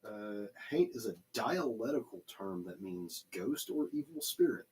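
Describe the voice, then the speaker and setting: Man, co-host, low and husky, explains like he's reading notes. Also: huge pitch swings, unhurried, darkish tone, rough recording. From Oklahoma. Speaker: paranormal livestream co-host. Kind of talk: casual livestream chat.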